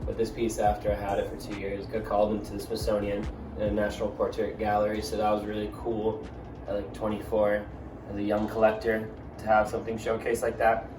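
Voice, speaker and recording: Brief: thirties male collector from Italy, unhurried and halting, faint music under a roomy recording. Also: on the low side, monotone. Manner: unhurried, halting, often says "you know". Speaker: art collector and gallery owner. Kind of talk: casual interview monologue. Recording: roomy sound from a distant mic with faint music.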